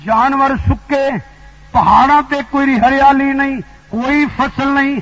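A man's voice: very high voice, fairly even intonation, a bit bright. A male preacher giving a devotional sermon, drawing out and chanting his phrases. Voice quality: drawn-out, chanting delivery. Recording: dull lo-fi recording.

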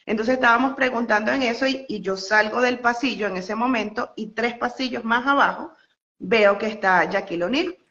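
A woman's voice: fairly high pitch, normal speed, fairly bright tone, muffled recording. A young woman from Venezuela with a Venezuelan Spanish accent, telling a story as an interview guest with lots of fillers and laughter. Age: young adult. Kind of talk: casual phone interview storytelling.

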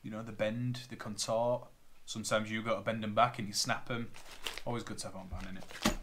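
Fairly low in pitch and fairly bright, this man's voice stays level and moves along fairly quickly, with a little hiss or hum on the recording. He's a plumber from Northern England, casually unpacking boiler parts at home and rattling them off in a chatty, matter-of-fact way. A tripod camera films him at a table in the living room as plastic bags crinkle in the background.

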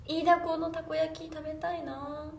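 Bubbly high-voiced young woman livestreaming. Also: level tone, moderate pace, gravelly, distant mic. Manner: bubbly, giggly, reads comments aloud and answers. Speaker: idol livestreaming, reading fan comments. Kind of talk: casual livestream chat. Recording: roomy echo, off-mic, faint room noise.

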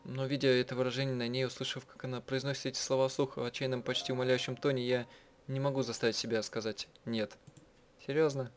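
A man with a medium-pitched voice and flat delivery translates a visual novel aloud as he plays, voicing it and commenting casually. He's halting, often stopping to rephrase mid-sentence, and the game's soundtrack music plays behind him.

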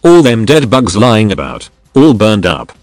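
A man narrates informal first-person stories in a scripted, dramatic way. His voice sits fairly low and moves in very lively contours. Faint music plays behind him. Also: a little slow, no echo. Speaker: narrator reading stories aloud.

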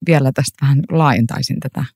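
A woman's voice: rumbling low, slightly rough, no room sound. Laughing, chatty woman telling stories, dry. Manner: animated anecdotes, frequent laughter, many fillers. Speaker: actor, podcast guest. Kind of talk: casual interview storytelling. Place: library room.

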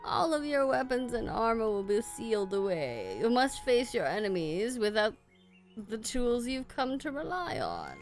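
Ancient wise tree spirit, solemn and unhurried, read by a woman, lively pitch. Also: faint music behind. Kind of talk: reading game dialogue aloud.

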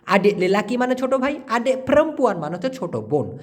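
Man, language teacher, answers viewer questions, very lively pitch, repeats words slowly. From Bangladesh.

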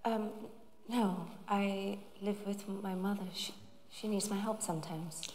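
An actress playing a hesitant young woman interviewing for a secretary job, answering in halting, soft replies. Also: mid-range voice, steady tone, a little hiss or hum, close to an everyday voice. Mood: timid.

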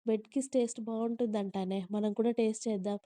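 A woman voicing a teasing, bossy young husband who scolds with care, in a gruff tone. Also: on the high side, steady tone, quick pace, mellow, dry recording, natural voice.

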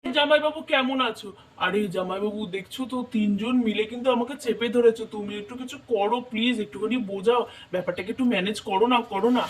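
A performer voicing a hurried younger brother who coaxes and pleads with his sisters in a doll puppet show. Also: medium pitch, natural voice. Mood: pleading.

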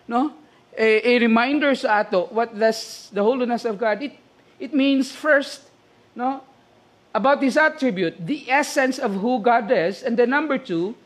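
Filipino male preacher, high-pitched, slow and measured sermon delivery. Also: fairly bright tone. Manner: slow, deliberate preaching with frequent "okay?" check-ins.

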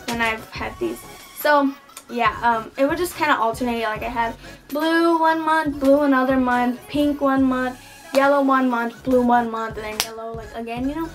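A young woman chatting casually to camera as a vlogger in her bedroom. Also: sits high. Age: teens to young adult. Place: small bedroom indoors.

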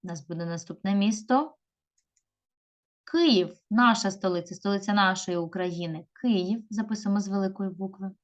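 A woman teaching a video lesson to young pupils, drawing words out slowly and calling them children. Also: medium pitch, highs cut off. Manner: slow, drawn-out stressing of words; addresses pupils warmly as children. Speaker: primary school teacher.

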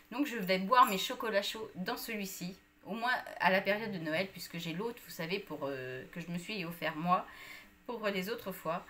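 A woman's voice: mid-range voice, sharp tone, slight background noise. A woman chatting casually to viewers about a shopping haul, with many fillers. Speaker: vlogger.

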